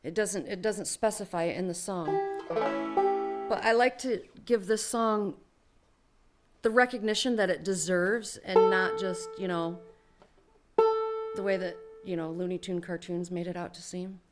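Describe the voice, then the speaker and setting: A woman's voice: on the low side, unhurried, pauses often, over loud music. A woman musician talking casually to a live audience from a stage, chatty and explanatory, with many filler phrases. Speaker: singer and musician hosting a live show. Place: barn music venue before a live audience.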